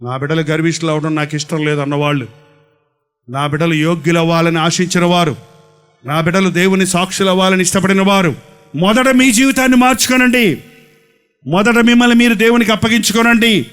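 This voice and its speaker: A high-voiced man preaching a sermon. He drives his points with rhetorical questions and repeats phrases for emphasis. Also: fairly even intonation, fairly quick, fairly bright tone, clean tone. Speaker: pastor.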